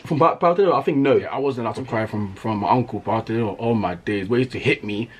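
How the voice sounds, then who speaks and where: A young man, telling family stories in a casual chat, animated and often laughing. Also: medium pitch, fast, breathy edge. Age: young adult. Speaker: guest, family member.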